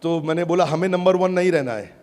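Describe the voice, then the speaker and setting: A fairly quick, somewhat high male voice with an Indian accent delivers an emphatic, motivational sales presentation at a product launch. He repeats phrases and calls out to the live audience in a large event hall, where the sound echoes and the background is loud with crowd noise.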